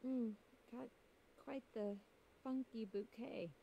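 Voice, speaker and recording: An actress playing a frightened, foul-mouthed young woman in a video game, talking bluntly and fast. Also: fairly high pitch, steady tone, gravelly, muffled recording, a little hiss or hum. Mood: tense. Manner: blunt, swearing, rapid.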